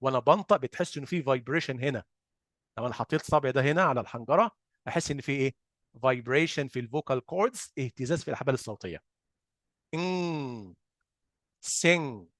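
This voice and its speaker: A man's voice: mid-range voice, fairly bright tone, no room sound, studio quality. A man with an Egyptian Arabic accent teaching phonics in an explanatory lesson, posing questions and answering them himself and drawing out example sounds. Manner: drawn-out sound demonstrations.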